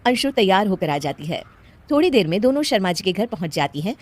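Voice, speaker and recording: A woman narrating a cartoon story in a plain, measured way. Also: mid-range voice, very animated, dry recording.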